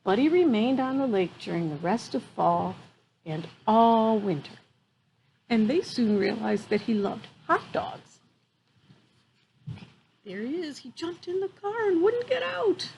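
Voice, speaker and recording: With a slightly high voice, vocal fry and a measured pace, a storyteller in her fifties reads a picture book to children on a tree-lined wooden deck. Amused and animated, she exclaims and drifts into chatty asides; the lo-fi recording picks up faint outdoor ambience.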